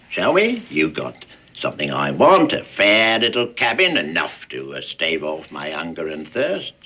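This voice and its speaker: A gruff old sea dog in a period western, low and gravelly with a forceful edge. He coaxes slyly, with menace under the folksy talk. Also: heavily acted. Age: older. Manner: gruff old seaman's folksy, sly coaxing. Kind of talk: period western screen acting.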